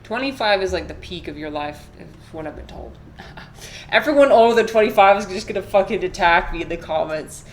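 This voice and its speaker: She's a woman in her twenties streaming a video game live, talking casually to her audience, wandering between topics, cursing openly, and responding to chat. Her fairly low voice is animated and brisk, with a slight hiss or hum in the background.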